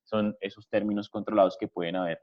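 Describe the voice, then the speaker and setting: Low-voiced man teaching a webinar. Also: fairly even intonation, a little fast. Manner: explanatory, repeats "¿listo?" and "entonces" often. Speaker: trainer. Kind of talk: online training webinar. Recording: dull lo-fi webinar audio.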